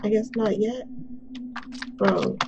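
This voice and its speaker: A young woman hosting a game playthrough in a quiet whisper, chatting casually as she plays. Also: mid-range voice, big pitch swings, takes it slowly, gravelly, muffled recording. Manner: whispering quietly, keeping voice hushed. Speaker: gaming video host. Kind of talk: whispered let's play commentary, casual chat. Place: indoors at home. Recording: noisy background, keyboard and mouse clicks.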